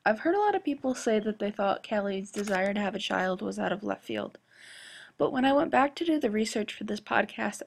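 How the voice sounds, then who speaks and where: A woman hosting a podcast with measured, explanatory commentary, her voice a little gravelly and husky from a sore throat. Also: mid-range voice. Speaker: podcast host. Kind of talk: scripted-sounding TV fan commentary podcast.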